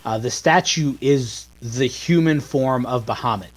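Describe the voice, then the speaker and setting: A man's voice: mid-range voice, a little slow, poor audio. A man narrating a tabletop game as game master, stopping and restarting often as he describes the scene.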